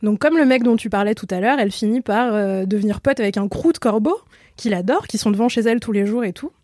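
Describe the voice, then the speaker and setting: A woman co-hosting a podcast, telling anecdotes in a lively, slangy way. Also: medium pitch, quick pace, no room sound, clean studio sound.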